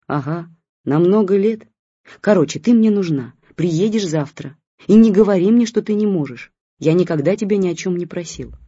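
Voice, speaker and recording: Woman doing a grumpy old man: bossy, reproachful, darkly wry. Mellow, husky tone. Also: on the low side, lively intonation, normal speed, no echo. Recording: dull lo-fi recording.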